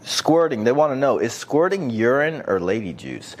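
A man from Detroit hosting a casual, frank chat in a slangy, jokey, expressive way. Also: mid-range voice, moderate pace. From Detroit, United States. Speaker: host.

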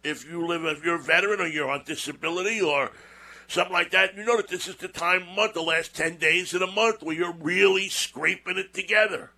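Brisk, high and pushed bright, this man's voice carries a rambling personal story as he hosts his show, with folksy asides and words said over again in an easygoing monologue.

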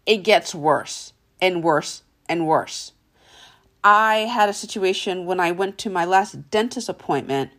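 A podcast host with a mid-range voice tells stories animatedly on her motivational show, addressing the listener as honey and darling.

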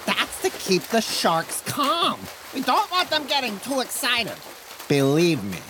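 Brief: woman as bright-voiced showman for a kids' audio comedy, lively and high-pitched. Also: unhurried, noisy background. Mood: gleeful showman. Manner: showy, sing-song pitch and booming sales patter. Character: eager carnival-barker showman running a bean shop. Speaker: co-host of a kids' story show.

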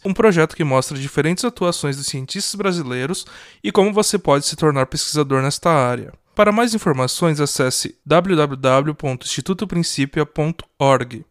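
A man's voice: a little high, no echo. Man reading a sponsor spot. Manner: even, formal reading. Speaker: sponsor announcer. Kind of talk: scripted ad read. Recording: dry close sound.

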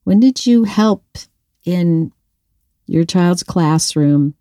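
A woman's voice: lowish voice, lively intonation, drawn-out words, dark tone, no room sound, clean studio sound. A middle-aged woman giving an upbeat motivational talk to women, speaking directly to the listener and laughing often.

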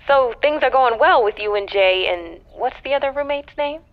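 A playful young friend on a phone call, with a fairly high voice that swoops around. She sounds dull and tinny, as if heard through the phone. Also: normal speed. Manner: teasing, animated.

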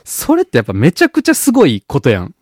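A man's voice: a little high, huge pitch swings, quick pace, no room sound, studio quality. A man with a Kansai-style dialect, a band member co-hosting a radio show, talking casually and laughing often.

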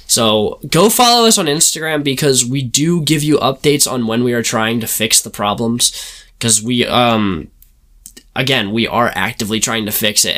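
Gravelly-voiced man co-hosting a podcast. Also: mid-range voice, bright, forceful tone. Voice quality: gravelly, smoker-like voice. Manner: rambling, self-mocking, full of fillers. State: hoarse. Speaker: podcast co-host. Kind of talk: casual podcast chat.

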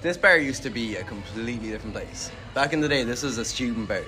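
A man's voice: medium pitch, lively intonation, quick pace, pushed and bright, faint music behind. A man of twenty-one with a west of Ireland accent, talking casually as an interview guest. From Galway, Ireland. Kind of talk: casual chat. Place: in a bar.

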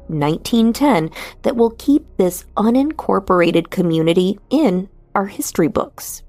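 Female sleep story narrator, soft and soothing, mid-pitched with noticeable vocal fry, music underneath. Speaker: podcast host and narrator. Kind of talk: sleep story narration, scripted true crime bedtime storytelling.

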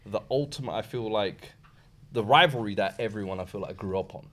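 Male host, London roadman accent, lowish pitch, slangy banter, casual football-show chat. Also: fairly quick, fairly bright tone.

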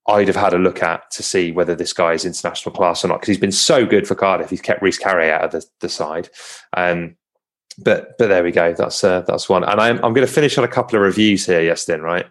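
Deep-voiced Home Counties man hosting casually. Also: steady tone, a little fast. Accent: Home Counties English. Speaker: podcast host. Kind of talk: casual sports chat.

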